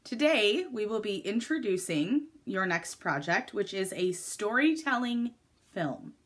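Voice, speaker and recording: A woman's voice: medium pitch, animated, a little slow. A woman teacher giving a recorded video lesson to middle schoolers, explaining step by step in an upbeat, encouraging way.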